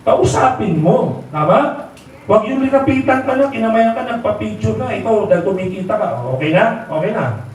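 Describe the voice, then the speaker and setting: A man's voice: high-pitched, animated, normal speed, darkish tone. A middle-aged man with a Filipino accent giving a motivational seminar talk, asking the crowd rhetorical questions and acting out quoted voices. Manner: rhetorical, keeps asking the audience "di ba?" and "tama?". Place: large hall, live seminar. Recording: very echoey hall, distant mic, faint noise.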